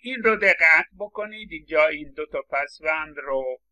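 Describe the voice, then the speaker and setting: A man's voice: fairly high pitch, animated, pushed and bright, rough recording. A middle-aged man lecturing on English phonetics, explaining patiently and stressing words as he repeats examples, with English words spoken. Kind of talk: recorded lecture.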